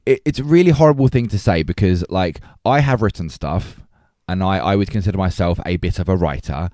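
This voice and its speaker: A man's voice: low voice, a little fast, darkish tone, dry recording, studio quality. A man co-hosting a podcast, arguing his point in earnest with frequent restarts. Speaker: podcast co-host. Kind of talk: casual debate chat.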